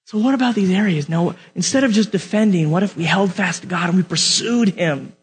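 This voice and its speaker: A young youth pastor with a notably high voice gives a sermon to his congregation, fairly quick in pace. He tells stories animatedly, slips in jokes and keeps asking his listeners direct questions.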